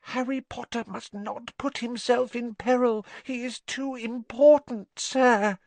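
Dobby, a squeaky frantic house-elf. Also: male voice, fairly even intonation, slow pace, gravelly, no echo, full character voice. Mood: urgent. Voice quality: squeaky, strained. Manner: pleading, speaks of himself in third person. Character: small anxious male house-elf, servile and frantic. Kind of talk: audiobook character voice.

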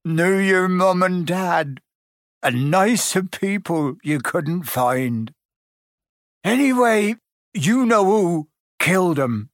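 A man reading aloud and voicing a big, bearded, soft-hearted giant with rough country speech. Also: sits high, expressive, slow, no echo, clean studio sound, voice pushed up, full character voice. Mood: sad.

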